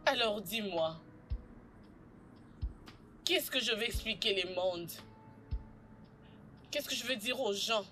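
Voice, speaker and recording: A woman dubbing a betrayed wife in French, speaking with slow, wounded reproach over background noise. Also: mid-range voice, lively intonation, sharp tone, soft background music. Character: betrayed wife, heartbroken and bitter. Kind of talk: French film dub.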